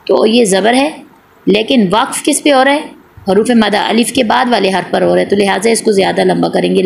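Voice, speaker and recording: Woman teacher, gravelly voice, repeats every point, stretches the vowels out, faint hiss behind. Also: medium pitch. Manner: patient, repeats each point and asks then answers her own questions; draws out the long vowel sounds when demonstrating. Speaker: Quran recitation teacher. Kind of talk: explanatory online class.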